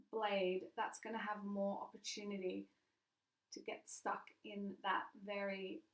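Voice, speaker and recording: A woman speaks as a sword swallower doing an informal show-and-tell. Her medium-pitched voice is frank and explanatory, leaning on key words. She sounds set back from the microphone in an echoey room. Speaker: sword swallower, stage performer. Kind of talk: casual show-and-tell to camera. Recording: echoey room, distant mic.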